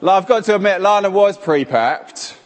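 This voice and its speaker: Here the preacher's voice is high and his pace moderate. Using a handheld microphone in a church hall, he leads an animated, playful, interactive sermon, calling people up by name, with the hall's reverb in the recording.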